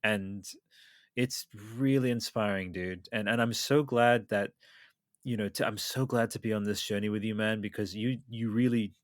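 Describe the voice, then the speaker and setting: A man's voice: fairly low pitch, steady tone, normal speed, dry recording, studio quality. A man in his thirties hosting a podcast, chatting eagerly and rambling with lots of fillers. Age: 30s. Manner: enthusiastic, rambling with many fillers. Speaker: podcast host. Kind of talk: casual chat.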